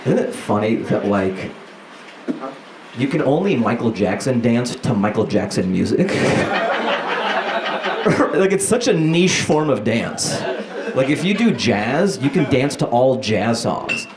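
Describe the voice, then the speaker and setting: Animated male stand-up comic in a noisy room. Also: medium pitch, unhurried. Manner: conversational, self-deprecating, acts out quoted lines. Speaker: stand-up comedian. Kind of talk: stand-up comedy, casual observational bits. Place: live comedy show before an audience. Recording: roomy echo, loud room noise.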